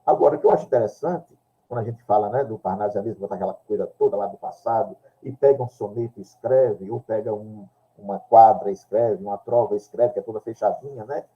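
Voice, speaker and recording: A man speaking in a study group discussion, reflective and halting, often repeating words as he searches for them, in a lo-fi recording. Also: on the low side. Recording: dull lo-fi recording.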